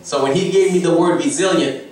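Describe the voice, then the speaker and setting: A Haitian man in his thirties with a Haitian accent preaches as a guest in a mid-size indoor church sanctuary, exhorting the congregation with rising emphasis as they respond. His voice is a little high, a little mellow and fairly quick; he uses a handheld mic, but the far camera leaves the audio echoey and distant.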